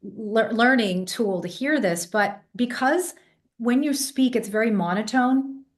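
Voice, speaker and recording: Speaking at a measured pace in a voice on the high side, this England-raised vocal coach tells stories in a relaxed interview. She's animated and demonstrates vocal sounds along the way. Congestion makes her voice less clear than usual.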